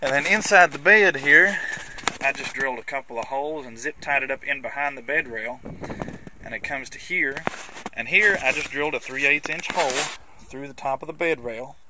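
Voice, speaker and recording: Recorded through the built-in mic of a handheld camera, with clicks and background noise, a medium-pitched male host demonstrates CB radio installation in a how-to video. He's casual and practical, though his phrasing comes out somewhat hesitant and halting.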